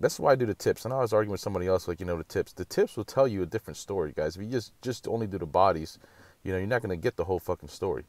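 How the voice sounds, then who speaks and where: A man's voice: a little mellow, no room sound. A man giving a casual, profane rant on market charts and mocking others. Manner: profane, rapid, ranting, mocks others in high voices. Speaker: crypto market commentator.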